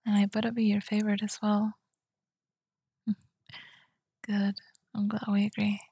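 Woman whispering super close, breathy and slow, flat soft murmur, dry sound. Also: mid-range voice, no room sound. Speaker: girlfriend roleplayer. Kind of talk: whispered ASMR roleplay. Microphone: close mic.

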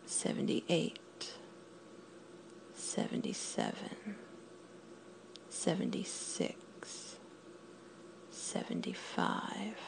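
A woman in an intimate audio roleplay, speaking in a commanding, teasing way, often dropping to a whisper, and counting down slowly. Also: lowish voice, vocal fry, noisy background. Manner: slow counting down.

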